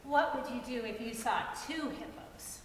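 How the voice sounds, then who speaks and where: Actress as an inquisitive young boy; lively, high, distant hall reverb. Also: moderate pace, close to an everyday voice. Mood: teasing. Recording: echoey hall from far off.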